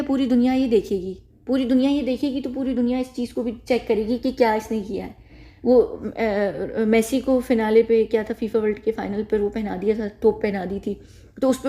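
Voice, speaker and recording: A woman gives loose, off-the-cuff commentary with a mellow, somewhat high voice. She circles back on her points and often restarts her sentences mid-thought. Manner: rambling, repeats phrases, frequent self-corrections. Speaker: YouTube commentator. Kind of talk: casual spoken commentary to camera.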